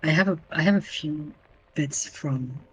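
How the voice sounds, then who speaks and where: Chatty high-voiced man. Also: faint music behind, poor audio. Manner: chatty, laughs often, quick asides. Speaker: streamer. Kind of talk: casual chat.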